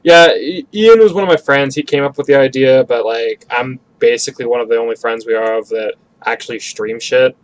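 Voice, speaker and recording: A man's voice: mid-range voice, brisk, hardly any pauses. Rambling, foul-mouthed male streamer. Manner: rambling, profane. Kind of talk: casual chat while drawing on stream.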